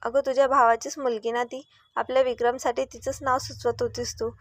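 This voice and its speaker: A woman's voice: a little high, little pitch movement, brisk, no echo, studio quality, lightly acted. A woman voicing a good-humored, indulgent older father in a storybook reading. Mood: jovial.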